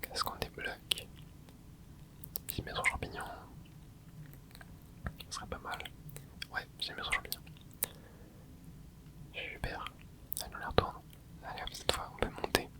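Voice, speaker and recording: A gaming creator whispers an ASMR let's play at a measured pace, pausing often, on a rough recording. Throughout, the voice is breathy and unvoiced, and the soft, casual commentary comes in short remarks and little interjections.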